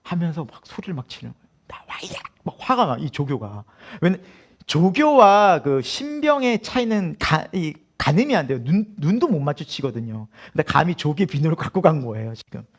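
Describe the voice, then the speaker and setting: A middle-aged male pastor preaching a sermon, telling a story with laughter and acting out shouted quotes. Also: fairly high pitch, big pitch swings, moderate pace.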